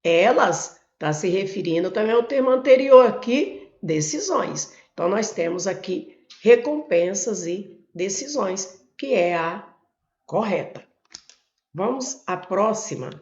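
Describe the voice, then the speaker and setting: A Brazilian woman teacher walks through exam questions one step at a time. She often says "ó" and "olha" as she points at the board, and her pitch moves up and down a lot. The recording is echoey and sounds dull and lo-fi. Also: expressive, a little slow, a little mellow. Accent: Brazilian Portuguese. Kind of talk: exam prep lesson, working through questions.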